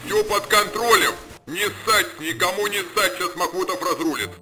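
A man's voice: high voice, moderate pace. A man voicing a crude, swearing cop who calls out urgent announcements over a police radio. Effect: police radio transmission. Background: music.

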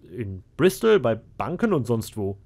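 A man's voice: medium pitch, very animated, measured pace, creaky, darkish tone, exaggerated voice. A man voicing an earnest young sailor who presses his questions. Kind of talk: audiobook character voice.

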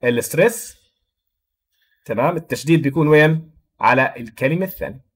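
A man with a Jordanian Arabic accent explaining an English textbook lesson, reading English phrases slowly and then explaining them quickly in Arabic. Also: a little high, lively intonation, breathy edge. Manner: switches between slow read English and quick Arabic explanation. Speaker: English teacher.

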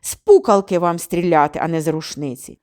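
A woman voicing a gruff old village grandfather who scolds bluntly. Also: fairly low pitch, a little fast, a little mellow, close to an everyday voice. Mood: scolding.

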